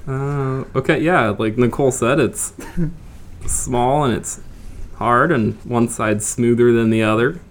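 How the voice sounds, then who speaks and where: A man's voice: medium pitch, a little slow. A man speaking with a paper bag over his head during a casual group game, joking and dry. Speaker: game player.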